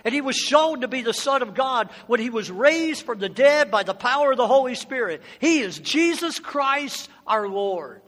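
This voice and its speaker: A male preacher delivers a sermon in a strikingly high-pitched voice. He is passionate and emphatic, urging his listeners on with repeated phrases and rhetorical questions. The sound rings with the long reverb of a large hall. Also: lively intonation, moderate pace, hardly any pauses, a bit bright. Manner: exhorting, with rhetorical questions and repetition. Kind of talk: sermon to a congregation.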